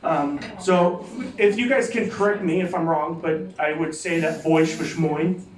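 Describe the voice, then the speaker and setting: A man's voice: a little high, measured pace. An American man doing a stand-up comedy set in a club, rambling and self-mocking with lots of fillers and restarts. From United States. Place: comedy club stage, live audience. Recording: roomy, distant mic, crowd noise.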